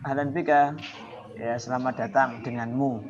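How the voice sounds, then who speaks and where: A man teaching an Arabic class online, patiently repeating phrases slowly for his students. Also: medium pitch, little pitch movement, over music. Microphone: video call. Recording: muffled video call with chattering students.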